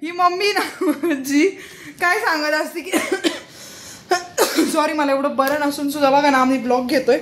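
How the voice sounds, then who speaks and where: A woman's voice: sits high, steady tone, unhurried, reverberant, a little hiss or hum. A young woman with a cold and cough, chatting and teasing playfully with her mother in a casual home vlog. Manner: playful, teasing, laughing often. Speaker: vlogger. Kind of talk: casual family vlog chat.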